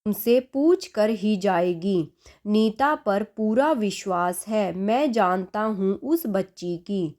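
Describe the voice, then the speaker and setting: A woman voicing a calm, patient middle-aged husband who talks soothingly and reassuringly in a storybook tale. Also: mid-range voice, slow, lightly acted.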